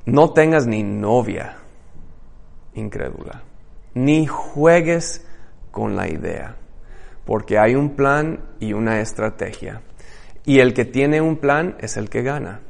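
Pastor: animated sermon delivery, scripture reading, acted-out dialogue. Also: male voice, medium pitch, takes it slowly, creaky, pauses often. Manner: animated, acts out biblical dialogues, reads scripture aloud.

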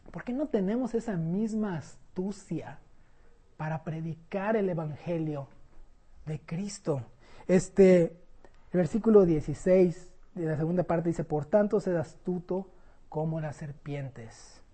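A woman preaching a sermon in a conversational, animated storytelling way. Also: fairly low pitch, husky.

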